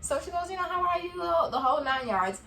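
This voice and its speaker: A young woman talking straight to camera in a casual vlog, her voice sitting a little higher than most. She is chatty and animated, laughs often, and acts out the dialogue she recounts. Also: fast talker, faint music behind. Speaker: vlogger. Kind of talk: casual review chat to camera.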